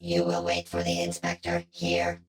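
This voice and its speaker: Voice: low voice, sing-song, normal speed, roomy sound. An actor voicing a stern android security guard who gives formal, clipped commands.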